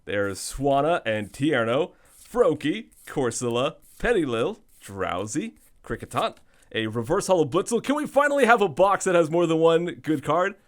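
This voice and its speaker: A man hosts in a casual, chatty commentary style. His voice is on the high side and thin, sounding weak, yet the pitch swings widely from phrase to phrase. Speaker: host of card pack opening videos.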